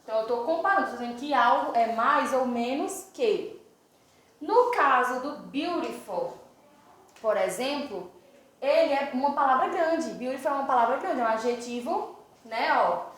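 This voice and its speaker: A woman teacher with a Brazilian Portuguese accent who explains grammar step by step and reads the English examples slowly. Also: high-pitched, expressive. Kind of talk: online grammar lesson. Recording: very echoey room.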